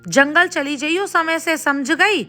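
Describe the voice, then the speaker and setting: A spiteful young daughter-in-law, as a woman narrator acts her out, taunting in a sharp, high voice. She speaks at an unhurried pace in a storybook telling. Soft music runs under her lines. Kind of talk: storybook voice acting.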